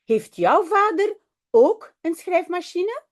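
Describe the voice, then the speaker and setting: A woman's voice: extremely high pitch, very animated, slow pace, voice pushed up, heavily acted. A woman voicing a curious little girl in a children's storybook, full of questions.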